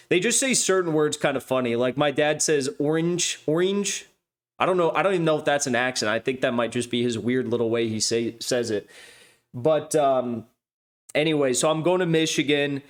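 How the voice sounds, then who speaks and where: A man hosting a livestream news show, talking off the cuff in a rambling, sardonic way with mocking asides. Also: medium pitch. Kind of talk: casual off-the-cuff monologue.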